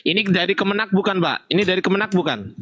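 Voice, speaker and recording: A man's voice: sits high, expressive, fast, bright, forceful tone, lo-fi sound. A man hosting an online religious debate, teasing and mock-soothing his guest with baby talk. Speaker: host.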